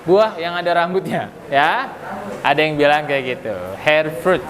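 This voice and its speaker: A man's voice: a little high, animated, unhurried, a bit bright. A man teaching English vocabulary to a class, joking and quizzing the students. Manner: joking, asks the class questions. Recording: noisy classroom recording.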